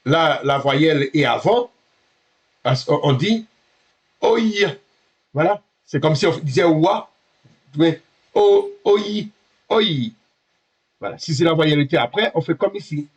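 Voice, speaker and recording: A man with a slightly husky voice, pitched a little high, teaches a beginner Hebrew class. He talks haltingly, often repeating and correcting himself, and keeps checking that his students follow. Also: animated. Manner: patient, checks students understand.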